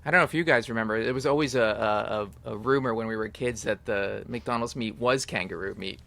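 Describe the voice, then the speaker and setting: A podcast host runs the questions with a very bright, forceful tone. The talk is casual, joking and full of laughter. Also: mid-range voice, a little fast, gravelly. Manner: bright, jokey questioner who laughs often. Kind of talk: casual interview chat.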